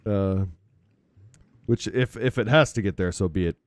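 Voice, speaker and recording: A man streaming a game, chatting casually and rambling with frequent laughs into a close mic on a boom arm. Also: moderate pace, no echo. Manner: rambling, relaxed, laughs often. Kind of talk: casual chat while gaming. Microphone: close studio mic on a boom arm.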